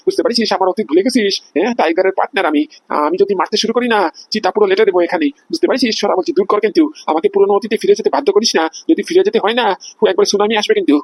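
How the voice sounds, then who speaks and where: Man playing a blustering, husky father. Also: high voice, dry recording. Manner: shouting threats, boastful, abusive. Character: blustering hot-tempered father, middle-aged man. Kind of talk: comedy sketch acting.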